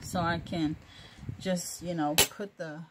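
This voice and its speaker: Slow-talking woman chatting through a sewing tutorial. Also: fairly low pitch, fairly even intonation, noisy background. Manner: chatty and encouraging, laughs often, many fillers. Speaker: crafting video host.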